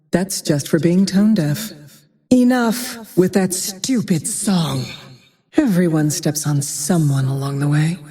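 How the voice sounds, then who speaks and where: A woman voicing a cold, vengeful ranger huntress for a video game, with a hushed, breathy, deadpan and menacing delivery. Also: low voice, heavily acted. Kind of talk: video game hero voice lines. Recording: long reverb on studio voice.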